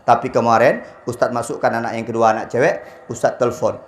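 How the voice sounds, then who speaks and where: A man's voice: medium pitch, brisk, slight background noise. A man, preaching a humorous sermon and acting out the people in his stories. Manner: animated storytelling, acts out quoted voices. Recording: echoey hall with faint ambience.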